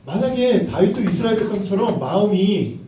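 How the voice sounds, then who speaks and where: A man's voice: high-pitched, a little fast, distant mic, slight background noise. Playful man telling a children's sermon. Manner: playful, animated, directs children on stage, laughs often. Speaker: Sunday school teacher. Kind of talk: children's sermon with acted story. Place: church room with children. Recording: echoey room, mic from afar, children behind.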